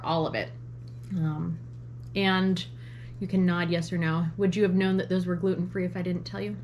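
Woman, mid-pitched, chatty home cook reviewing dishes as she tastes them. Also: slight background noise. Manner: chatty, describes flavors and textures in detail. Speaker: food blogger recreating vintage recipes. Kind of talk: casual taste-testing commentary.

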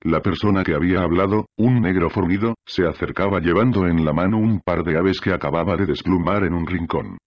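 A man narrating a novel in a steady, measured audiobook reading. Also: sits low, dry recording, dull audio.

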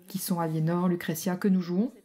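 A woman co-hosting an audio commentary in casual chat, talking softly and explaining the jokes with easy laughter. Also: fairly even intonation, husky. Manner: deliberately soft, low-volume talk.

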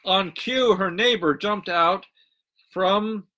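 A man's voice: high voice, slow, bright, forceful tone. A male pastor on a livestream, chatting with viewers and reading jokes aloud. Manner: chatty, greets online viewers by name. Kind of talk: livestreamed sermon and joke reading.

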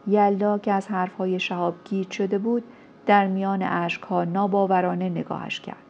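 A woman reads a romance novel aloud in a measured, storytelling way. Her voice carries a gravelly texture. The recording sounds dull and lo-fi. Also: mid-range voice, flat delivery, a little mellow, a little hiss or hum. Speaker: audiobook narrator. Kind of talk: scripted novel narration.

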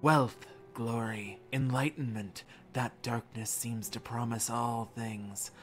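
A man voicing a lonely, talkative old male villager who rambles on with slow, drawling lines. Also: mid-range voice, steady tone, faint music behind, natural voice. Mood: wistful. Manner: drawling, rambling, pun-proud. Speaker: streamer reading game dialogue.

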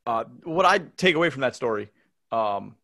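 A man's voice: mid-range voice, expressive, normal speed, vocal fry, bright, forceful tone, no echo. A man co-hosting a podcast from a small home studio room, bantering in a teasing, mock-outraged way. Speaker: podcast co-host. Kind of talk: casual chat.

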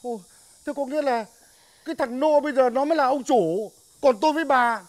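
A man's voice: very high voice, brisk. An actor playing a pompous, stingy old village master who lectures his household. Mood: aghast. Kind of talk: comic film acting.

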